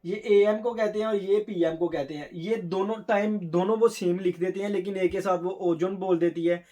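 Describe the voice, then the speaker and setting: A man whose first language is Urdu, teaching a Korean test in a casual way, explaining step by step and sounding out words slowly. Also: sits high, fairly even intonation, warm tone. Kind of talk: casual spoken lesson.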